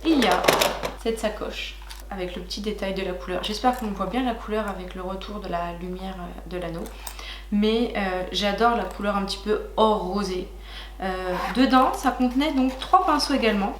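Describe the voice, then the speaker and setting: A young woman chatting warmly to her viewers while unboxing makeup, gushing and filling pauses with little hesitations. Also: medium pitch, echoey room, a little hiss or hum. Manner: chatty and gushing, many fillers, talks to viewers as "licornes". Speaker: beauty vlogger. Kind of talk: casual makeup haul chat.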